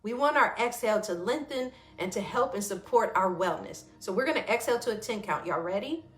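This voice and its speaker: A woman hosting a morning wellness talk, chatty and expressive, calling her listeners y'all and leading a guided breathing exercise. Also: medium pitch, brisk, roomy sound. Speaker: host of a morning wellness show.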